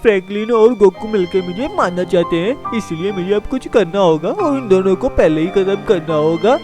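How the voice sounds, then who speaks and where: A shrill, whiny little boy , voiced by a man, in a fan game role-play. He yelps and frets at every turn, his voice pitched high. Music plays steadily underneath. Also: moderate pace, close to an everyday voice. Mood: sulky. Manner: whiny, panicky cries of "arey". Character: small mischievous boy, scared and sulky.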